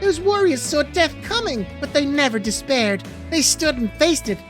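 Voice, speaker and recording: A woman's voice: high voice, big pitch swings, faint music behind, pitched above the performer's own voice. Woman reading as a solemn ghost samurai woman. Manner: grave, measured.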